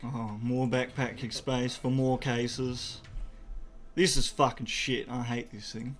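An Australian man chatting casually as he plays, excitable and sweary, using eshay slang. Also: medium pitch, slow pace. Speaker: player opening item cases. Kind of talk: casual gaming chat.

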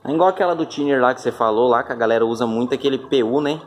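A man with a Brazilian Portuguese accent hosting a casual vlog from a home garage, chatting in a relaxed, slangy way and often turning to his viewers. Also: medium pitch, rapid-fire, soft background music. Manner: laid-back, slangy, keeps addressing the viewers. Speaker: channel host. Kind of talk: casual chat.

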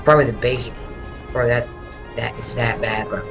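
A man's voice: medium pitch, little pitch movement, normal speed, vocal fry, music in the background. A man chatting casually as a co-player, teasing in a playful, clipped way. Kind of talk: casual gameplay chat.

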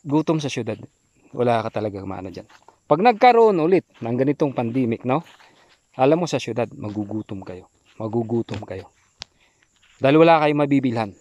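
A man's voice: mid-range voice, sing-song, brisk, warm tone. Chatty man outdoors with crickets. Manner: chatty, repeats "no?" and "guys". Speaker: vlogger. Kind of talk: casual walking vlog. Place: outdoors in the countryside.

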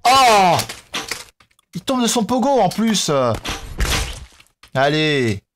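A man hosting a gaming video, excitably commenting on his play, shouting at the game and joking with the characters on screen. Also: high voice, takes it slowly, background noise. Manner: jokey, talks to the characters on screen.

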